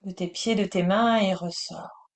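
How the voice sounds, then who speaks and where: French woman teaching meditation, calm and soothing, very slow delivery. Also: medium pitch.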